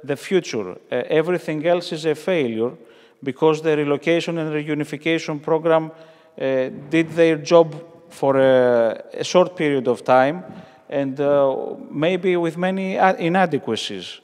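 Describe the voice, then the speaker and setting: A man's voice: a little high, a little slow, a little mellow, long reverb tail. A man who organizes a church project, speaking hesitantly in a documentary interview. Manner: hesitant, with many fillers and restarts.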